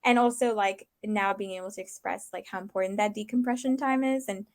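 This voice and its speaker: A woman's voice: medium pitch, steady tone, brisk. Earnest young woman thinking aloud. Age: 20s. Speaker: interview guest. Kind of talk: casual interview.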